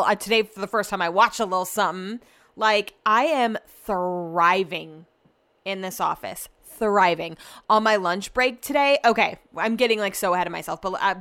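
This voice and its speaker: A woman's voice: mid-range voice, fairly bright tone. A woman hosts a casual solo podcast in a bubbly sorority-girl way. She has a mid-range voice, gushes with emphatic repeats, and wanders off on tangents in girly, "like"-filled slang. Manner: rambling, sidetracked valley-girl-like talk heavy on "like". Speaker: podcast host.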